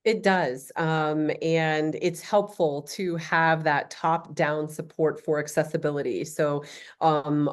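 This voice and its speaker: Low, even-toned woman speaking as guest. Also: smooth. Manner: measured, frequent ums. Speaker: accessibility director, guest. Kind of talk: conversational interview answers.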